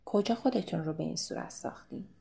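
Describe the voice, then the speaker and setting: A woman's voice: on the low side, animated, gravelly, dark tone. A woman voicing a wary young barmaid in an audiobook reading.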